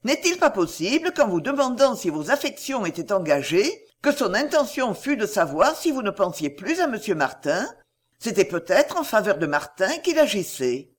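A proud young gentlewoman, earnest and strained, her voice pitched up a little with a husky, breathy edge, as a woman reading aloud puts her on. Her words rise and fall in a lively storybook manner. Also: moderate pace.

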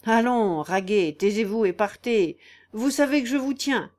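A woman doing an ironic smooth-talking businessman. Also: fairly high pitch, animated, measured pace, darkish tone. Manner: ironic, teasing.

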